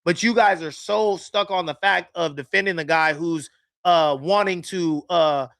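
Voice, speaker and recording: Pointed, argumentative co-host, a man with a bright tense voice, slightly high. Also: measured pace, vocal fry, no echo, clean studio sound. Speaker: podcast co-host. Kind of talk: casual debate.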